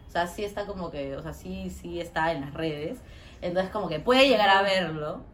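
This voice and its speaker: A young woman, co-hosting a podcast and telling family stories in animated casual chat. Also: lowish voice, moderate pace, a little hiss or hum. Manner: animated storytelling, acts out relatives' voices. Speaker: podcast co-host.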